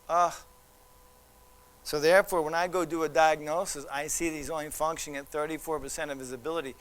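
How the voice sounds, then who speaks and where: A man giving a presentation to parents, animated and teasing, acting out what others might say. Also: on the high side. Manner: animated, teasing, acts out quoted voices. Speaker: child development specialist.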